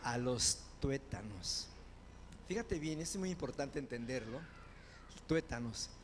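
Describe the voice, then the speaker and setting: A male pastor preaching a sermon, asking the congregation questions and swinging between quiet asides and shouted repetition. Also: medium pitch, expressive, a little slow, slight background noise.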